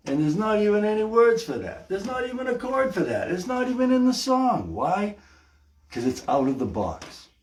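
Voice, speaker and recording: An older man hosting a casual livestream podcast from his hallway at home, talking to viewers in an animated, folksy way through a propped-up phone. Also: high-pitched, normal speed. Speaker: podcast host. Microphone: phone or camera propped on a stand. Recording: echoey hallway with music playing.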